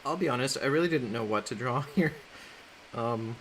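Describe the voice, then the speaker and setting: Casual male streamer, mid-pitched, loose and rambling, laughs easily, slight hiss on the mic. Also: moderate pace, rough recording. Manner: relaxed, rambling, laughs often, reads chat aloud. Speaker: artist streaming while drawing. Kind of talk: casual livestream chat.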